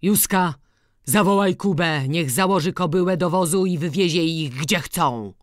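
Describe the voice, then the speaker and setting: Brief: woman playing gruff old farmer father, angry, shouting, village speech, storybook. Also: low-pitched, takes it slowly, dry recording, studio quality. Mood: gruff commanding. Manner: shouting harsh orders in rural dialect. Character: old peasant farmer, furious, domineering father.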